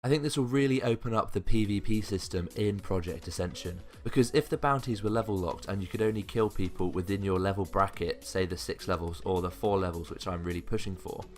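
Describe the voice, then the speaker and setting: Low-voiced man presenting a countdown list video. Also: a little fast, hardly any pauses, a little mellow. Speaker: gaming video creator. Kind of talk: top five countdown list commentary. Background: background music.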